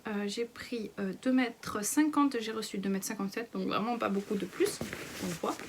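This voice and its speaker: This sewing vlogger from France, in her thirties, talks through her fabric haul in a relaxed way, often dropping to a half-whisper and filling gaps with hesitant fillers. Her voice is mid-range and her pace moderate, with a slight hiss or hum behind it.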